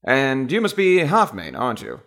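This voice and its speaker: A man's voice: mid-range voice, wildly swooping pitch, moderate pace, gravelly, a bit bright, pitched above the performer's own voice, full character voice. A man voicing a posh, formal British diplomat with a put-on upper-class British accent, clipped and courteous.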